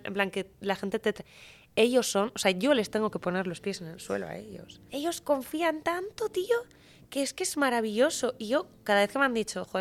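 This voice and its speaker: A woman guest in a casual podcast conversation, talking in an animated, heartfelt and slangy way. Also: medium pitch. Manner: animated, emotional, slangy, often says "tío".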